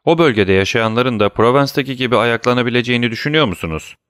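A man's voice: medium pitch, lively intonation, racing, fairly bright tone, clear, resonant tone, no echo, clean studio sound, pitched above the performer's own voice, lightly acted. A man voicing an aging French king who is imperious and alarmed, questioning his ministers sharply.

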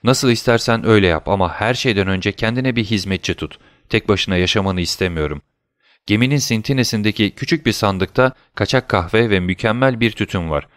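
A man's voice: on the low side, brisk, a bit bright, no room sound, studio quality, close to an everyday voice. A man reading aloud as a young sailor, earnest and emotional with his old father. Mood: eager. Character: young male sailor, eager and devoted son.

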